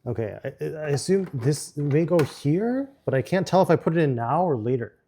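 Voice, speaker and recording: A man's voice: a little high, animated, dark tone, slight background noise. A man streaming as he builds a model set, chatting casually and talking himself through each step. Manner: slow, muttering step-by-step instructions to himself. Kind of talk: casual chat while building.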